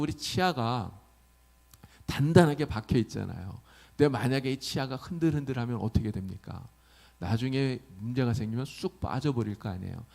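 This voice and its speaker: A man's voice: mid-range voice, creaky, mellow. A male pastor preaching a sermon, often asking the congregation questions.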